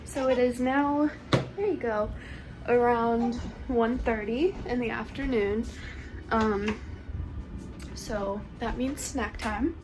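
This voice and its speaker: A woman's voice: on the high side, slow, background noise. A young woman, a stay-at-home mom, chatting casually through her day's chores in a home vlog. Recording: music playing under the voice.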